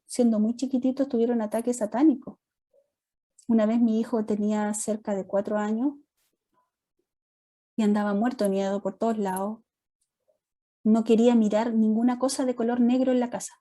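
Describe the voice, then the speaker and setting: Woman, Chilean accent, middle-aged, fairly high voice, soft mellow tone, church teaching talk, acts out family scenes. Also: a little fast. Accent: Chilean Spanish. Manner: lively storytelling, acts out family dialogues. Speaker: pastor leading a parents' workshop.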